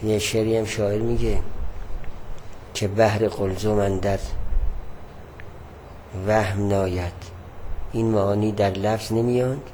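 Man giving a measured religious lesson. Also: on the low side, mellow, slight background noise. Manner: measured, explanatory, repeats key points. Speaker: teacher.

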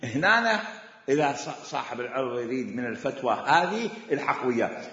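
A lively Iraqi-accented man lectures a class, his pitch jumping around as he drives each point home with repetition. His voice is bright and a little high, and it rings through a large echoey hall on a dull, lo-fi recording. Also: brisk. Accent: Iraqi Arabic. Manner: animated, repeats points with emphasis. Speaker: religious law teacher.

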